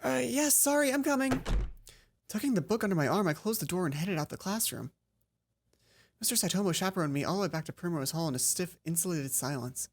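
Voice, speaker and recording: Reading a visual novel's narration for a let's play, this mid-range voice moves at a quick pace, tripping over words and rereading lines. Offhand comments break in now and then, over gentle game music.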